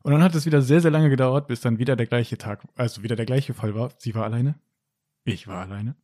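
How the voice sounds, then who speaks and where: Young male co-host, casual storyteller, acts out the people in his stories with big jumps in pitch, mid-pitched voice. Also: quick pace, dry recording, clean studio sound. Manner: animated storyteller acting out quotes with jumps in pitch. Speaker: podcast co-host telling a story. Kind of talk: casual chat.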